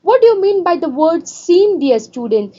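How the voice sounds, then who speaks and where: Woman teacher, mellow and high voice, quizzing her class. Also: sing-song, moderate pace, dull audio. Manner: repetitive, asks students questions. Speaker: English teacher. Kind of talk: classroom lesson explaining a story.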